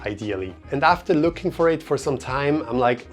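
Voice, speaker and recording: A young man who grew up in Switzerland, telling a story in a relaxed, chatty vlog style with many fillers. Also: medium pitch, fairly quick. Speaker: vlogger. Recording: faint music behind.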